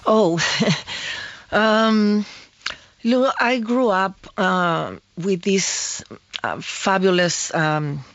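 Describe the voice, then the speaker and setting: Slow, halting woman in her sixties. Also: medium pitch, no room sound, highs cut off. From Chile. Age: 60s. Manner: halting, searching for words. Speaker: guest. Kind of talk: casual interview talk.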